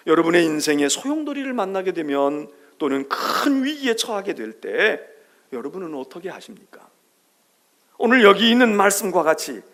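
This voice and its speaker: A middle-aged male pastor preaching a sermon, swinging between loud calls and hushed whispers and acting out soothing quoted voices. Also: high-pitched. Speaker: senior pastor.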